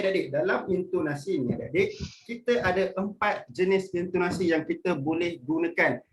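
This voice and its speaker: Pria muda yang ceria, suara agak tinggi. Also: male voice, a little hiss or hum. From Malaysia. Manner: lively, playful, switches pitch to demonstrate intonation. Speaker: public speaking trainer. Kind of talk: online workshop for students. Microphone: video call.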